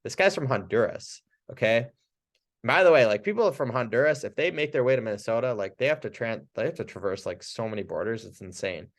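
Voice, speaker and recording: In a relaxed lesson, this male chiropractor walks through Spanish phrases for patients, his medium-pitched voice moving fairly quickly. There's plenty of laughter as he performs each phrase with lively energy and a chatty tone.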